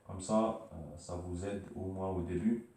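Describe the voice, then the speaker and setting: Man, low mellow voice, patient teacher, repeats syllables, echoey room, distant mic. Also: steady tone, measured pace, slight background noise. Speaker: Arabic teacher. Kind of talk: slow spoken lesson at a board.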